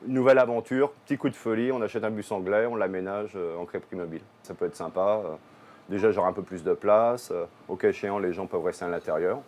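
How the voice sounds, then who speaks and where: A man's voice: on the low side, quick pace. A man running a mobile creperie, explaining his business casually with many hesitations. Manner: relaxed, with frequent hesitations. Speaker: creperie owner interviewed. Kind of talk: casual interview.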